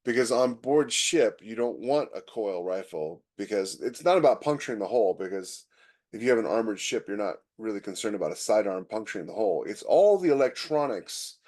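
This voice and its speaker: A male podcast co-host and military sci-fi writer explains things conversationally in a casual discussion. His lowish voice is expressive, fairly quick and a little mellow, and his sentences often trail off and restart.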